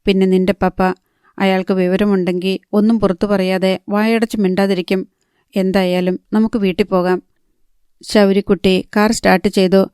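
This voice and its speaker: A woman narrating a novel in a calm, even storytelling manner. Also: medium pitch, normal speed, clean tone, no room sound, clean studio sound. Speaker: audiobook narrator.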